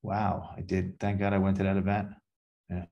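Low, dark-voiced man telling rambling stories. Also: monotone, normal speed, highs cut off. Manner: rambling anecdotes, acts out quoted dialogue. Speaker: podcast guest. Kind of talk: casual storytelling interview.

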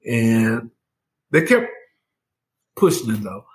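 A man in his seventies from Mississippi, telling a first-hand story as an interview guest in an animated, laughing way. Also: medium pitch, slow pace, poor audio. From Mississippi, United States. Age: 70s.

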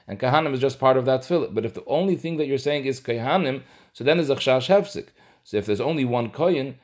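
A man's voice: medium pitch, a little mellow. A man giving a halacha lesson, explaining steadily and mixing Hebrew and Yiddish terms into his English. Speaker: Torah teacher.

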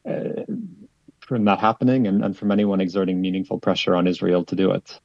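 A man working as a foreign correspondent, giving measured, explanatory news analysis in an interview over a remote line. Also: low-pitched, fairly even intonation, gravelly, darkish tone, no echo, highs cut off. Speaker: Middle East correspondent.

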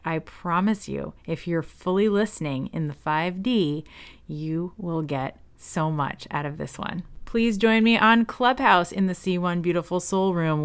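A woman's voice: on the low side, clear, resonant tone. A woman hosting a podcast, gushing and enthusiastic as she introduces and interviews her guest. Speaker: podcast host.

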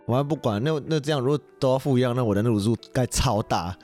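A man's voice: mid-range voice, fast, darkish tone, faint music behind. A man with a Taiwanese accent bantering casually as a podcast co-host, slangy and joking.

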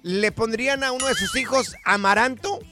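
A man's voice: very high-pitched, normal speed, music in the background. A man hosting a casual radio show, telling stories and acting out quoted voices. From Mexico. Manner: storytelling, acts out quoted voices.

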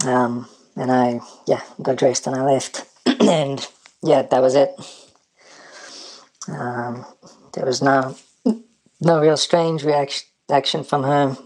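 A man whose voice has been electronically disguised and pitched down to hide his identity. He tells a personal story as an anonymous interviewee, hesitantly, with many ums and restarts. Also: steady tone, takes it slowly, pauses often, a little mellow, rough recording.

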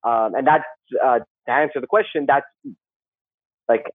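Man, mid-pitched, casual podcast guest, rambling and repetitive, dry, slightly dull recording. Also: husky, no echo. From Saudi Arabia. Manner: rambling, halting, repeats words and phrases, often tags "right?". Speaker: podcast guest, social worker. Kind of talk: casual interview, personal storytelling.

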